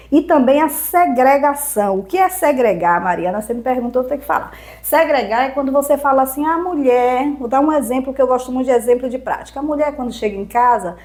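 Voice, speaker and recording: Brazilian woman teaching oratory in an interview, kinda high voice, lists points n asks herself questions. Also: a little mellow. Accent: Brazilian Portuguese. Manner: didactic, lists points and poses rhetorical questions. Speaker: communication and public speaking trainer. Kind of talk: explanatory interview answers.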